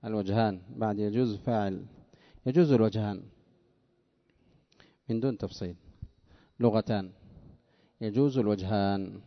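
A man's voice: fairly low pitch, highs cut off. Man teaching a classical text lesson. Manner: measured, drills students on grammar points. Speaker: Islamic scholar teaching a class.

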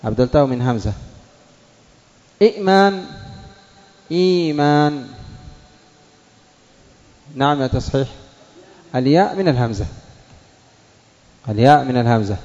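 A man's voice: medium pitch, fast talker, pauses often, warm tone. Man teaching in an echoey hall. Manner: drills words by saying the base form then the changed form, questions students by name. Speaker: teacher of Arabic morphology and Quran reading. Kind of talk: classroom lesson with student questions. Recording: dull lo-fi classroom recording with long reverb.

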